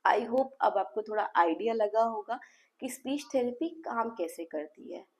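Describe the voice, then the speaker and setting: A woman's voice: on the high side, animated, a little slow. A woman speech therapist explaining therapy to parents, mixing phrases into her talk and acting out the dialogue of a session.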